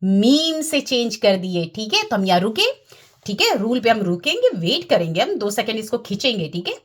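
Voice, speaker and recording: A woman teaching Quran recitation rules, repeating key terms, checking in with her listeners and drawing out recited words slowly. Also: a little high, big pitch swings. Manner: slows down and draws out recited Arabic words. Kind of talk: tajweed lesson.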